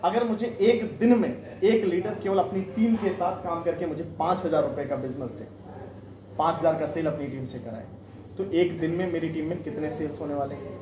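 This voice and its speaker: A man's voice: a little high, fairly even intonation, a little fast, a crowd in the background. Sales trainer, man in his twenties, emphatic and questioning, recorded from across an echoey restaurant room. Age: 20s. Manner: emphatic, quizzes the audience with repeated questions. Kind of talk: motivational training talk. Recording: echoey room, mic at a distance.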